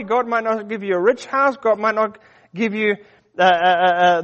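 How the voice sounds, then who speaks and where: Male preacher with a high voice, teaching Bible verses in a sermon and quizzing the congregation. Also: dull audio. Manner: teaching Bible verses, questioning the audience, with fillers and restarts.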